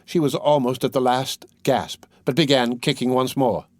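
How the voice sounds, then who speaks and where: A man narrating a classic novel as an audiobook, reading in an expressive, dramatic way. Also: medium pitch, normal speed, no room sound, clean studio sound.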